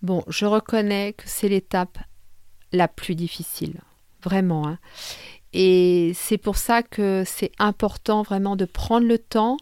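A woman hosts her podcast and walks through a method in a relaxed, conversational way, pausing on fillers and correcting herself as she goes. Her voice sits at a middle pitch and is recorded close and dry, with no room around it. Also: smooth, no echo. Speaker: podcast host. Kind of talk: casual explanatory podcast talk.

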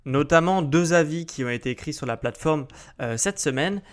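A man hosting a solo podcast in a relaxed, rambling way, with many hesitations and fillers. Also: on the high side, fairly quick. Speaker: podcast host. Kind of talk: casual solo podcast talk.

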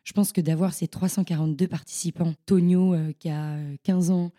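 A young woman, a podcast guest, telling her stories in a casual, animated and slangy way. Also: fairly low pitch, normal speed. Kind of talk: casual storytelling interview.

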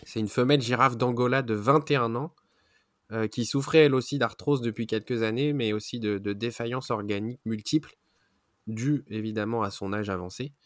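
A man presenting a zoo news roundup on a podcast, often pausing with fillers and correcting himself. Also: mid-range voice, no echo, studio quality. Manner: frequent hesitations and self-corrections.

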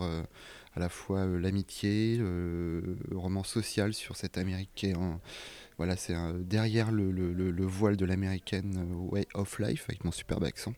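A man's voice: sits low, mellow. A man bookseller recommending a novel in a chatty, hesitant, self-mocking way. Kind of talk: casual book recommendation.

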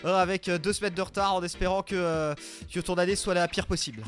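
A man's voice: high-pitched, steady tone, quick pace, fairly bright tone, soft background music. A male radio host in a studio, bantering and teasing his co-host on air. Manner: teasing, joking. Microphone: studio microphone.

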